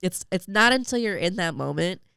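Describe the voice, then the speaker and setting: A woman's voice: fairly low pitch, expressive, brisk, gravelly, sharp tone, clear, resonant tone, no room sound, studio quality. A young woman telling a heartfelt personal story as a podcast guest, with lots of "like" and fillers. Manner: emotional storytelling with many fillers. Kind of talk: personal faith story in an interview.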